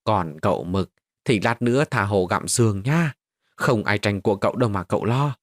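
A man doing a gentle, self-sacrificing poor mother. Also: fairly low pitch, moderate pace, no room sound, studio quality, natural voice. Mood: tender. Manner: gentle, soothing.

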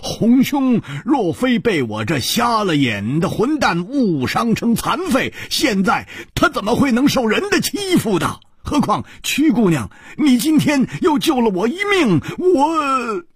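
A male storyteller voicing a brash, hot-tempered male swordsman who shouts loudly, in a Chinese martial-arts radio story. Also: extremely high pitch, sing-song, a little slow, few pauses, slightly rough, dry recording, studio quality, voice pushed up, heavily acted. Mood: roaring. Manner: loud, shouting, self-reproaching.

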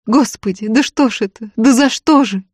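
A woman's voice: medium pitch, moderate pace, darkish tone, no room sound, studio quality, pitched above the performer's own voice, close to an everyday voice. A woman voicing a tearful, self-blaming young peasant woman who talks in plaintive, folksy village speech. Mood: sobbing, self-reproach.

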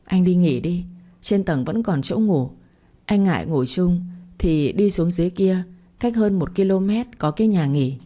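A woman's voice: on the low side, lively intonation, normal speed, mellow. A woman reading as an earnest grieving young woman.

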